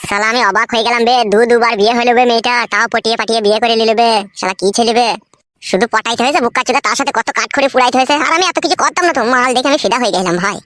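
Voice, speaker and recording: A woman's voice: a little high, very fast, a bit bright, dry recording, lightly acted. A woman voicing a hot-tempered, foul-mouthed young newlywed man in a comedy cartoon, swearing constantly and sounding indignant. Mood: boastful.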